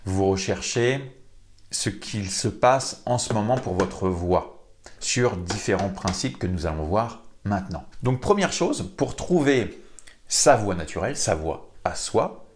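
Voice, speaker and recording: A man who works as a vocal coach, giving an animated lesson to camera and putting questions to the viewer. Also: lowish voice, a little slow. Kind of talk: teaching video to camera.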